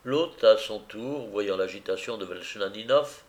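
A man narrating a literary novel aloud in a measured storytelling manner. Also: fairly low pitch. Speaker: audiobook narrator.

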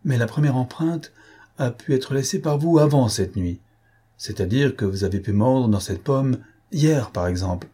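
A man voicing a calm, self-assured gentleman detective who reasons firmly. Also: mid-range voice, normal speed, breathy edge, pitched above the performer's own voice. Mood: firm reasoning.

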